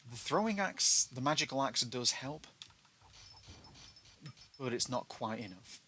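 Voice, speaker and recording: A British man's mid-range voice, expressive, bright and forceful, takes its time as he walks through a video game. He chats casually, makes fun of himself, and uses glottal stops instead of T's, with noticeable background noise in the recording.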